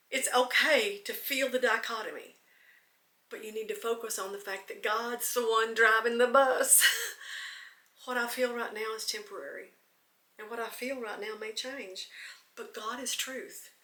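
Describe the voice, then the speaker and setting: Fairly high-pitched and a little slow, her voice sounds pushed and bright as she hosts a devotional podcast. Earnest and near tears, she repeats phrases for emphasis, while a distant camera records her off-mic in an echoey room.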